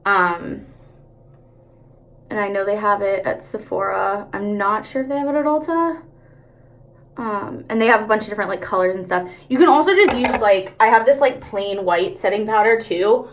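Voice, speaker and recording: A woman's voice: medium pitch, normal speed, a little hiss or hum. Girl doing a casual makeup tutorial, talks out the side of her mouth, slangy n sweary, says like a lot. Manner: candid, slangy and sweary, with many filler "like"s.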